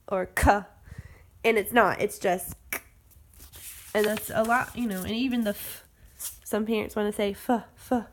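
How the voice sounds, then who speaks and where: A woman's voice: medium pitch, slight background noise. A woman who homeschools, talking casually and rambling as she demonstrates letter sounds in a phonics tutorial recorded at home. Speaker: homeschool teacher.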